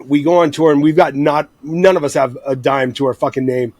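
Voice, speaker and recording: A man's voice: a little high, a little fast, no echo. A man in his thirties, a former lead singer, telling rowdy, profane tour stories in a casual podcast chat. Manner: rowdy, profane, animated storyteller.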